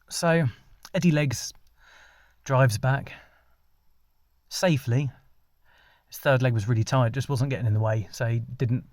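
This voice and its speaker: Male storyteller, deadpan ad-lib narration, mid pitch, dry close-miked sound. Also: no echo. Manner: rambling, deadpan, many restarts. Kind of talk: ad-libbed comic storytelling.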